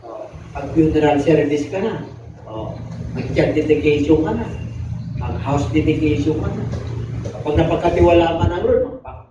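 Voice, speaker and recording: A man's voice: on the high side, lively intonation, moderate pace, noisy background. Filipino male pastor preaching in an echoey hall. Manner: mixes Tagalog with English, asks the congregation questions. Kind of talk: sermon. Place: church hall. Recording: echoey distant muffled live recording.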